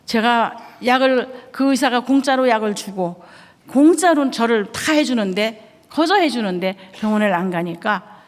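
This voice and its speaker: A middle-aged woman from Korea, a missionary giving an earnest, emotional church testimony. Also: on the high side. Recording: echoey church hall.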